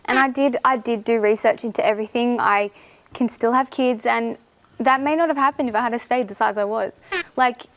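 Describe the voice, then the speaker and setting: A woman's voice: on the high side, moderate pace. A woman answering as a guest in a televised debate, emphatic and challenging back. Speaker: panel audience guest.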